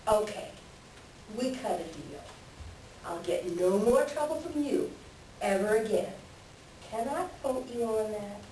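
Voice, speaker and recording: A woman's voice: mid-range voice, animated, unhurried, pauses often, mellow, lightly acted. A woman playing a sly, self-serving coyote trickster with folksy, rustic speech in a readers theater animal tale. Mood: hard bargaining. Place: library readers theater performance. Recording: roomy, distant mic, faint background noise.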